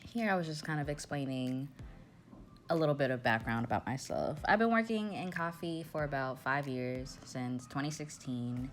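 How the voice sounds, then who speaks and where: A woman's voice: rumbling low, lively intonation, normal speed. A young woman narrating a casual vlog as a barista, chatty and slangy, often joking about herself. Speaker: barista vlogger.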